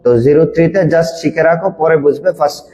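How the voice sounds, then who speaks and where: A man's voice: on the high side, a little fast, warm tone, long reverb tail, rough recording. Man teaching word meanings in an online class. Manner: explains each word patiently, then drills pronunciation with a student. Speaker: English teacher. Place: online classroom on a video call.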